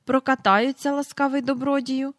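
A woman's voice: on the high side, lively intonation, moderate pace, no room sound, studio quality, close to an everyday voice. A woman voicing a prim, stern magical nanny who speaks curtly. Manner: prim and curt.

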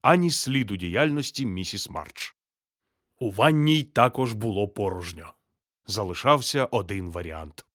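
A man narrating a children's storybook in a steady, measured, gently expressive reading. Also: lowish voice, no echo, studio quality.

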